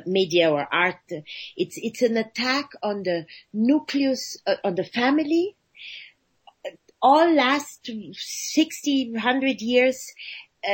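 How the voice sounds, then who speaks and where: Woman radio guest, slightly husky, hesitant, lots of restarts. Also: fairly high pitch, poor audio. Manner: halting, many restarts, searching for words. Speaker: guest, actress. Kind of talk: radio interview conversation.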